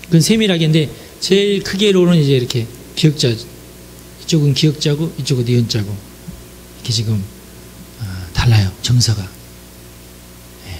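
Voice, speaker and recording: A man's voice: medium pitch, expressive, normal speed, pauses often, a little mellow, a little hiss or hum. A man from the Jeolla region giving a conversational sermon, chatty and speaking straight to his listeners. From Jeolla region, South Korea. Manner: chatty, addresses the audience directly, frequent affirming asides. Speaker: preacher.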